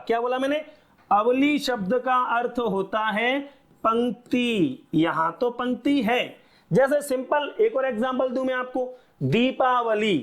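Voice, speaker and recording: A male teacher giving a classroom lecture, asking the class short questions and answering them himself. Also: extremely high pitch.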